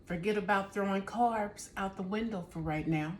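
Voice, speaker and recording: In her kitchen, a home baking channel host talks straight to her viewers, relaxed and chatty, in a casual cooking vlog. Her voice is mid-range at normal speed, with a little hiss or hum in the recording.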